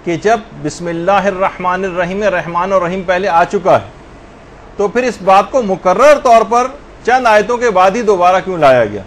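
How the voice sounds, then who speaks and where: A man giving a religious lesson on correct Quran recitation, pausing now and then to chant verses slowly as examples. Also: sits high, slight background noise. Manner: slow chanted demonstrations of verses.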